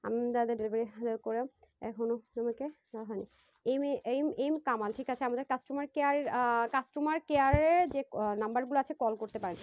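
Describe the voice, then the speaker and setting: A woman selling clothes on a live phone stream, chatty and excited, talking straight to viewers. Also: a little high, fast talker, no echo, muffled recording. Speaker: online clothing seller.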